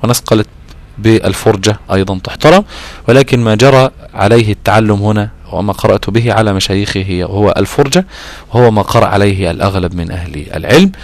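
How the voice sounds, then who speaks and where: A man with an Egyptian accent teaching a recitation lesson, repeating key terms and slowing down to draw out his recited examples. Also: fairly low pitch, dry recording. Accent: Egyptian Arabic. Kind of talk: explanatory lesson.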